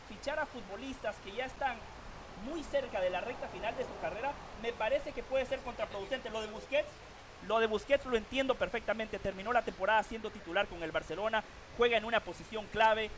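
A man on a sports talk show giving formal, measured football analysis. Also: high voice, fairly bright tone, a little hiss or hum, rough recording. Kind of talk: sports talk panel discussion.

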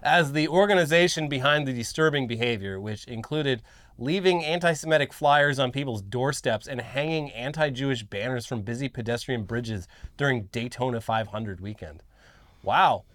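A man's voice: mid-range voice, moderate pace, fairly bright tone, no echo, clean studio sound. A man co-hosting a casual news commentary show, reading articles aloud and riffing bluntly with swearing.

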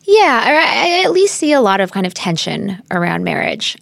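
Casting note: woman in her early thirties, gravelly edge, dry close sound, thoughtful interview guest. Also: mid-range voice, sing-song, normal speed, dry recording. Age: 30s. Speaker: guest author. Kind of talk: interview conversation.

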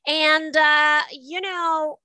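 A woman's voice: high voice, level tone, extremely slow, pushed and bright, dry recording, poor audio. A middle-aged woman from Venezuela, a guest in an interview, telling her story in a reflective way with frequent restarts. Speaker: guest, art advisor. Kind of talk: casual interview.

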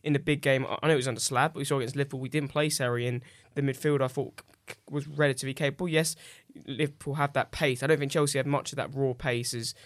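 A man's voice: mid-range voice, steady tone, quick pace, few pauses, no room sound. A man giving opinionated football analysis on a fan podcast. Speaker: podcast panelist. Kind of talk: casual fan podcast chat.

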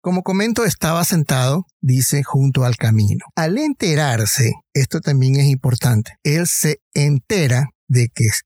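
A man's voice: medium pitch, warm tone, breathy edge, dry recording, clean studio sound. A man giving a Bible reflection, explaining the passage and retelling the story vividly. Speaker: preacher.

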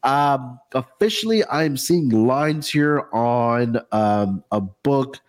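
A man's voice: medium pitch, lively intonation, takes it slowly. A man hosting a casual sports betting talk, sounding under the weather with a froggy, congested voice. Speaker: sports betting show host.

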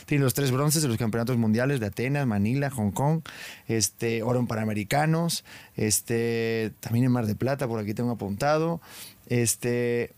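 Casting: Spanish-accented male podcast host, playful and teasing, mid-pitched, dry studio sound. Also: moderate pace, darkish tone, dry recording. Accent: Spanish from Spain. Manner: playful, laughs often, reads notes aloud. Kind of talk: casual interview chat.

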